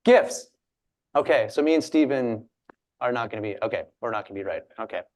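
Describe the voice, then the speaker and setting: A man's voice: medium pitch, lively intonation, fast talker, darkish tone. A man from Alberta moderating a panel discussion in a loose, chatty way, with frequent fillers, restarts and self-deprecating asides. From Alberta, Canada.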